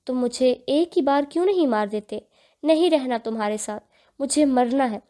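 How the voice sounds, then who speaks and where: Woman reader as a scared young bride, tearful and pleading, high mellow voice. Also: animated. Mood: desperate.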